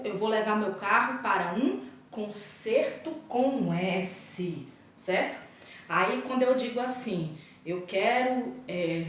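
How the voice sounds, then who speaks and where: A woman's voice: medium pitch, a bit bright, recorded from a distance, a little hiss or hum. Woman teacher in an echoey room. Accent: Brazilian Portuguese. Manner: patient, checks in with "certo?" and "tá?". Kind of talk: grammar lesson to students.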